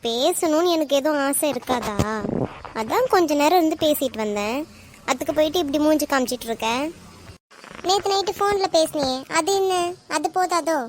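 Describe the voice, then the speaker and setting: A woman's voice: sits high, animated, normal speed, slight background noise. A woman voicing a young college girl in a cartoon, with a Tamil Nadu accent and a teasing, sulky way of arguing with her friend. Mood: bickering. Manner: teasing, sulky back-and-forth. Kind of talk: cartoon voice acting.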